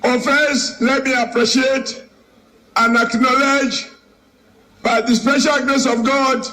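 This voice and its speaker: A hoarse man giving an emphatic rally speech as a politician. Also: very high voice, level tone, bright, forceful tone, rough recording. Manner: emphatic, drawn-out phrases.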